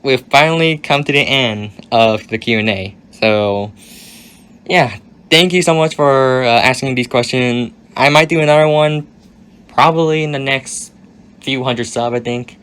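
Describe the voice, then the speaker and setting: Young man, raspy voice, mid pitch, casual Q&A creator, hedging, trailing sentence ends. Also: measured pace, fairly bright tone. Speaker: video creator answering viewer questions. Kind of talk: casual Q&A monologue.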